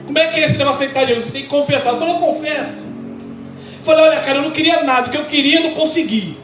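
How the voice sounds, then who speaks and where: A man's voice: extremely high pitch, racing. A Brazilian man, a pastor, preaching and telling his testimony in a church, acting out the dialogue as he goes. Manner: animated storytelling, acting out quoted dialogue. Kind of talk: sermon testimony. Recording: echoey church with music behind. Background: music.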